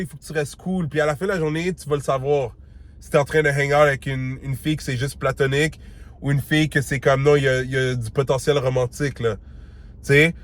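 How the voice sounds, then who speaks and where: Giving casual dating advice in a monologue, this chatty man speaks Québécois French in a slightly high voice and treats the listener like a pal. He talks loosely and slangily, mixes in English words, and performs the lines he quotes.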